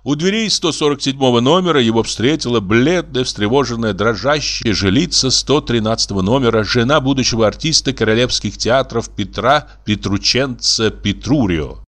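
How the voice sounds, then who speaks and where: A man narrating a story in an expressive audiobook reading. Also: medium pitch, moderate pace.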